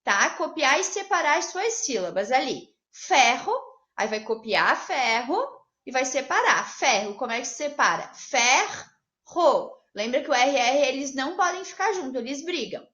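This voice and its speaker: A Brazilian woman teaching a Portuguese lesson to children, upbeat and patient, checking in with the class after each point and drawing out example words slowly. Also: high voice, animated, fairly bright tone. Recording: roomy, slightly dull home video audio.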